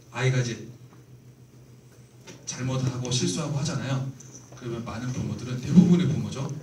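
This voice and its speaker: A man's voice: mid-range voice, a little mellow, a little hiss or hum. A man lecturing church youth leaders in a church meeting room, earnest and explanatory, acting out examples as he goes. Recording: roomy hall, mic far off.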